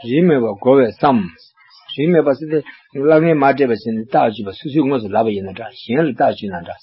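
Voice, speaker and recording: A man's voice: medium pitch, quick pace. An older man giving a religious teaching, explaining at length and checking in with rhetorical questions. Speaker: monastic teacher. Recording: dull lo-fi recording with faint background hiss.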